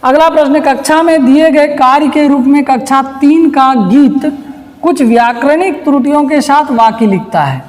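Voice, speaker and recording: A woman's voice: high voice, moderate pace, a little mellow. A woman teacher working through past exam questions step by step. She keeps asking a rhetorical question and answering it herself, and she repeats the key terms. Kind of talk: recorded lesson solving past exam questions. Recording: long reverb, echoey room.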